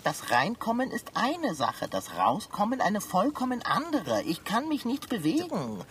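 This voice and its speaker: A woman voicing a dramatic, whiny male tomcat who complains theatrically and shouts for help in a children's puppet play. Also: medium pitch, wildly swooping pitch, a little slow, noisy background. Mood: complaining.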